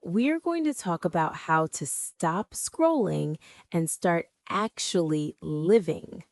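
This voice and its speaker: Lively, slow-paced woman teacher. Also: on the low side, no echo. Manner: lively, encouraging, spells words out slowly. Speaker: English teacher host. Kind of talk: scripted teaching dialogue.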